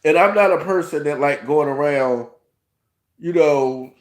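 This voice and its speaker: He speaks unhurriedly in a fairly high register, a host in his thirties with a cold. In his casual vlog reviewing reality TV, he rambles, restarts often and fills gaps with "you know."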